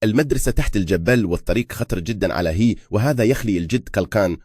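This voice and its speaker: A man narrating a film recap as scripted storytelling, in a steady, even manner. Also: sits low, no room sound, clean studio sound.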